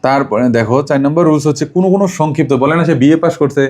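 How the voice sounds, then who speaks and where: A man's voice: fairly high pitch, quick pace, a little mellow. A man teaching English grammar to a child, asking questions and repeating the answers. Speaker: English tutor. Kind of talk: home tutoring lesson.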